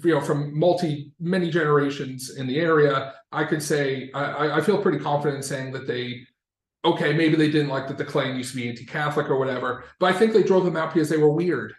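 A man's voice: on the high side, fast talker. Discursive man in an echoey room. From Massachusetts. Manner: discursive, self-correcting, with wry asides and profanity. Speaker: podcast co-host. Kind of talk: casual conversational explaining.

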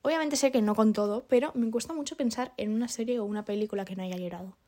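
A young woman, talking alone in a casual, confessional way, chatty and self-deprecating, often laughing and filling pauses. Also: a little high, darkish tone. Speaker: podcast host.

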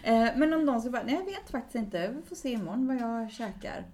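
A woman's voice: a little high, lively intonation, dark tone. A woman hosting a casual podcast chat, listening closely and murmuring agreement often. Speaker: podcast host.

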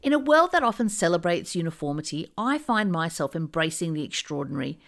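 A woman hosting a podcast, reading scripted narration in a measured, dramatic nature documentary manner. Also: fairly low pitch, sing-song, gravelly. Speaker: podcast host.

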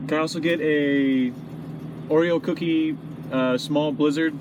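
A young man ordering food at a drive-through speaker from his car, hesitant with drawn-out "uh"s. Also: steady tone. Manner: hesitant, with drawn-out "uh"s before each request. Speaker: podcast co-host, driving. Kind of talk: casual chat. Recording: distant mic, loud car rumble.

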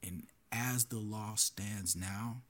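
A man's voice: fairly low pitch, slow, a bit bright. A man hosting his own podcast, giving earnest solo commentary with a warning tone. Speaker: podcast host.

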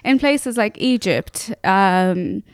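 Lively young woman telling stories. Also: mid-range voice, clean tone, no echo, clean studio sound. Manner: lively, storytelling, quick laugh. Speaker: podcast co-host. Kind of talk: casual chat.

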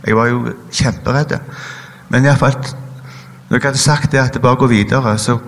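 A man telling a personal faith testimony in a halting, hesitant way, pausing often with fillers. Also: mid-range voice, steady tone, gravelly, long reverb tail. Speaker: guest giving a personal testimony. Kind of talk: emotional spoken testimony.

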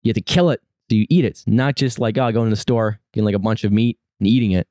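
A man's voice: fairly low pitch, fast, no room sound, studio quality. A young man co-hosting a casual podcast who tells rambling stories full of fillers, in crude banter. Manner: rambling, many fillers, animated storytelling. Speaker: podcast co-host.

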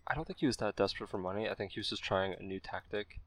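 Gravelly low podcast man. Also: racing, fairly bright tone. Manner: short quips and frequent laughs. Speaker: podcast co-host. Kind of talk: casual chat.

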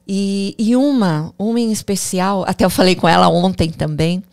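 A woman guest on a podcast, telling her own story in a casual, animated way and repeating words as she goes. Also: medium pitch, moderate pace. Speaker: guest, mentor and speaker.

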